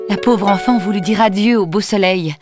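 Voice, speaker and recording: A woman's voice: medium pitch, normal speed. Woman reading a storybook over music. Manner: gentle, expressive reading. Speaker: narrator. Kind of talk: storybook narration. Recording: music under the voice. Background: soft music.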